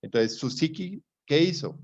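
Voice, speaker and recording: A man's voice: fairly high pitch, lively intonation, measured pace, a little mellow. A man giving a live psychology class in a conversational way, often checking whether students follow. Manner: conversational, checks understanding with rhetorical questions. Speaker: psychology lecturer. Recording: dull lo-fi recording.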